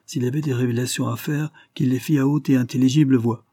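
A man narrating a novel in a steady, even audiobook reading. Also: mid-range voice, fast talker, dry recording, studio quality. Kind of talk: scripted narration.

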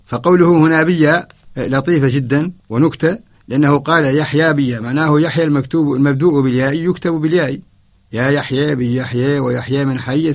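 A man teaching Quran spelling rules in a radio lesson, slow and deliberate, repeating each example word and reciting verses in a chanting cadence. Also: mid-range voice. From Mauritania. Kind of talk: radio lesson, explaining a didactic poem. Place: radio studio.

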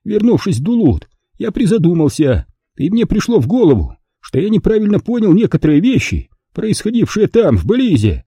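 A man voicing a nervous, bewildered male museum curator in a storybook reading, halting and wide-eyed. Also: high voice, huge pitch swings, warm tone, slightly rough, dry recording, voice pushed up, exaggerated voice.

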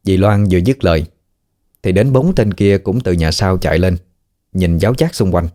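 A man with a Southern Vietnamese accent narrating a ghost story in a steady, measured way. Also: deep voice.

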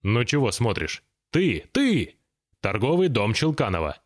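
A man voicing a gruff, irritable businessman boss who talks bluntly and coarsely in an audiobook reading. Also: mid-range voice, sing-song, measured pace. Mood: heated.

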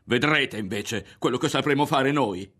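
A man reading a novel aloud and voicing an indignant, proud teenage boy who shouts back in defiance. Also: mid-range voice, moderate pace, pitched above the performer's own voice, close to an everyday voice. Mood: defiant shouting.

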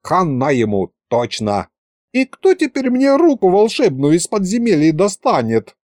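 A man voicing a chatty, excitable old male wizard with folksy rustic speech. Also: high-pitched, measured pace, dry recording, clean studio sound, pitched above the performer's own voice, full character voice.

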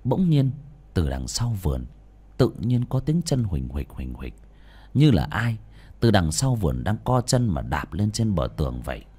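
Male storybook narrator, huge swings in pitch, dramatic delivery. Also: unhurried, breathy edge. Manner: dramatic, expressive. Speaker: audiobook narrator.

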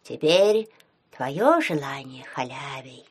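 A woman voicing a lazy, bossy magical female pike with a slow, condescending drawl. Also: rumbling low, very animated, breathy edge, pitched below the performer's own voice, full character voice.

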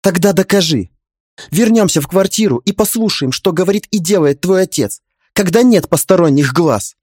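A man's voice: lively intonation, normal speed, darkish tone, dry recording, clean studio sound. A man voicing a young pregnant woman who pleads and insists through tears, in an audiobook reading. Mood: angry pleading. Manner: pleading, high-strung, insistent.

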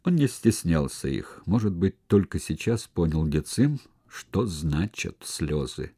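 A man narrating a historical novel as an audiobook, in a measured, expressive reading. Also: low-pitched, breathy edge.

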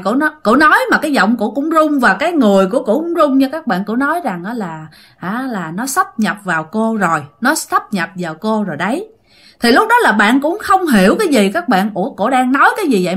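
A woman with a Southern Vietnamese accent narrating a ghost story in an unhurried way, with many drawn-out fillers. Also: a little high, fairly bright tone.

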